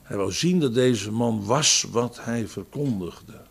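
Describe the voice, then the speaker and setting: A man's voice: mid-range voice, slow pace, creaky, husky. Reflective male preacher. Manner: reflective, quoting psalms and scripture; swings between raised emphasis and quiet, dropped phrases. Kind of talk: sermon.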